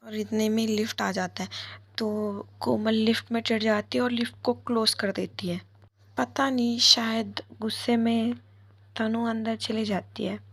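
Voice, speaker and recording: A woman narrating a love story in a soft, unhurried way, often dropping to a whispery tone. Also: fairly high pitch, fairly even intonation, no echo. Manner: slow, soft, drops to whispery asides.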